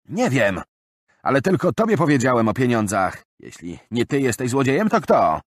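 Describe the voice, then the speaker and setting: A man's voice: medium pitch, very animated, moderate pace, no room sound, studio quality, pitched above the performer's own voice. A male narrator voicing a stout, bald, robbed man who sounds aggrieved and pleading.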